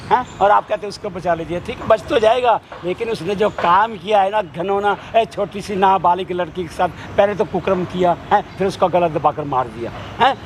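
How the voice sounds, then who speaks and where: A man's voice: high voice, moderate pace, few pauses, a little hiss or hum, natural voice. A man acting as a curt, dismissive lawyer husband who talks over others, in an amateur skit. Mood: brusque.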